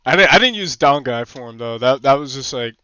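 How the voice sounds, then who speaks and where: A young man doing casual gaming commentary as a streamer, with slangy, sweary frat-bro banter and excitable outbursts. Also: mid-range voice, fairly quick, smooth, no room sound. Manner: excitable, bursts into shouts. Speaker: game streamer. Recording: slightly dull lo-fi streaming audio.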